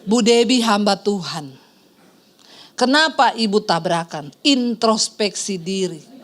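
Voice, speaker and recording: A woman's voice: medium pitch, animated, slow. A middle-aged woman pastor preaching a sermon, telling a personal testimony and acting out the voices in her story. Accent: Indonesian. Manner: storytelling, acts out quoted voices, addresses congregation as "Saudara".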